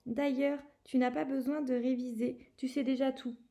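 A woman voicing a lively schoolboy wizard. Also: high-pitched, moderate pace, vocal fry. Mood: boyish. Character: boy wizard student, eager and talkative.

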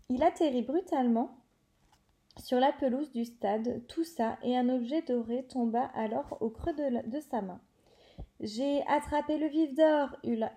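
Female reader, bright and sharp tone, plain read-aloud narration that lifts a little for dialogue. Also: fairly high pitch. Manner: plain reading with small slips and self-corrections; lightly raises her voice for characters' lines. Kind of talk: reading a novel aloud.

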